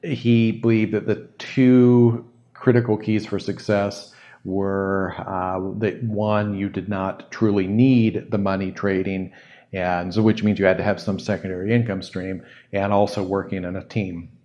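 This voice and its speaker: A man's voice: fairly low pitch, little pitch movement, unhurried, dark tone, muffled recording. A man hosting a solo podcast, answering a listener's question in a thoughtful, reflective way and often repeating words as he thinks. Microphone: studio microphone close to the mouth.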